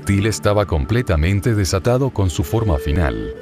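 A man in scripted story narration, reading a fanfic steadily, with loud background music. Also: deep voice, lively intonation, moderate pace.

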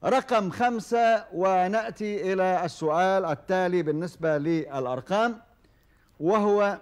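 A man hosting a televised quiz show, formal and measured, with frequent hesitation fillers. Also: high-pitched, a little mellow, smooth. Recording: old television broadcast recording.

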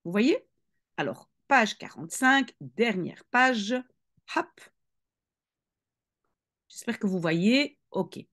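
A woman, a language teacher reading a novel aloud and patiently explaining each phrase to her students, clearing her throat now and then. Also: mid-range voice, sing-song, slow, long pauses, fairly bright tone. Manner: patient explaining, switching between English reading and French explanation.

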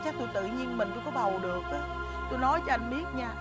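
Comedy sketch: a Southern Vietnamese woman as a high-voiced, melodramatic wife. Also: lively intonation, racing, loud music behind the voice. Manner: melodramatic, whiny complaining. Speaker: comic actress playing a wife.

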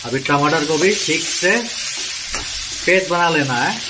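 A man's voice: on the high side, unhurried, background noise. A man with an Assamese accent presenting a casual cooking vlog at home, talking eagerly about the smells and flavours as he cooks. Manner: enthusiastic, exclaims over the smells and flavours. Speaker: cooking vlogger. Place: home kitchen. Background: food sizzling and frying.

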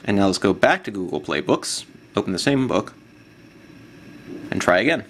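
A man giving a relaxed, casual product demo of an app, with plenty of fillers. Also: fairly low pitch, normal speed, slight background noise. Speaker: tech blogger demonstrating an app.

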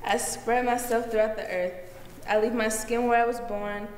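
A woman reading her own poem in a measured recitation. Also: a little high, little pitch movement, darkish tone, a little hiss or hum. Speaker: student poet. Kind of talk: poetry reading. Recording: echoey room.

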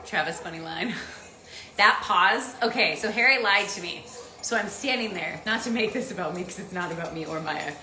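A woman's voice: on the low side, moderate pace, reverberant, a little hiss or hum. A woman chatting casually with a co-star while they watch their show together on a live stream. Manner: chatty, animated, restarts often. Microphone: phone on a live stream.

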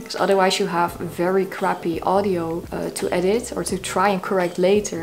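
A woman in her thirties sharing tips to camera from a small cozy room, with a dry, self-mocking humor. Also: fairly low pitch. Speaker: YouTube creator. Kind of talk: talking-head tips video.

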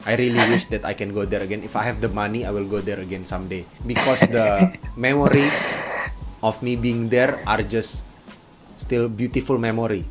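A man's voice: on the low side, steady tone, fairly quick, a crowd in the background. A young man in his twenties from Indonesia, playfully switching between many put-on accents in a comedic video. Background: background music.

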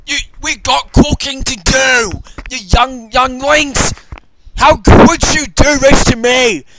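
Cranky, bossy old man game cook, fake aged voice, drawn-out high shouting, noisy clicky recording. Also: steady tone. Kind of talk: exaggerated amateur game character voice acting.

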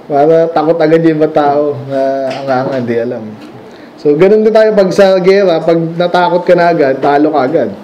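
Man, pastor, casual sermon, questions to congregation, high mellow voice. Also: moderate pace, dull audio, slight background noise. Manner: conversational, asks the congregation questions and laughs at his own stories. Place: church.

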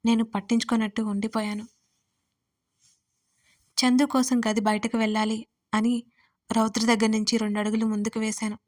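A woman narrating a first-person romance story in a soft, emotional way. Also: a little high.

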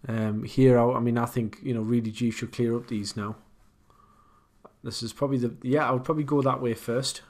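A man's voice: mid-range voice, steady tone, fairly quick, darkish tone. A man casually commentating an online pool match, thinking aloud about which shots he would play.

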